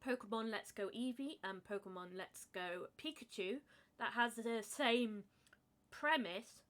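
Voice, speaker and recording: Woman, casual podcast chat, slow talker, hesitant with ums. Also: a little high, a bit bright. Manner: hesitant, lots of ums, laughs often. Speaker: podcast co-host.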